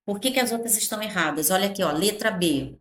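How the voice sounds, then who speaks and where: A Brazilian woman teaching a grammar lesson with lively, drawn-out emphasis. She keeps checking that the class follows along. Her voice rings in an echoey room, at a medium pitch. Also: a little hiss or hum. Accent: Brazilian Portuguese. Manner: animated, stretches words, frequent "tá?" and "ó" checks.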